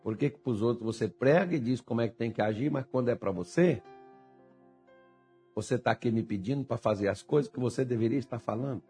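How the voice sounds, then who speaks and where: A male pastor delivers a sermon in a husky, slightly breathy voice at a middle pitch. He moves from quiet, intimate storytelling to loud, insistent emphasis. Faint music plays underneath. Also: brisk. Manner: swings from hushed storytelling to loud emphatic preaching.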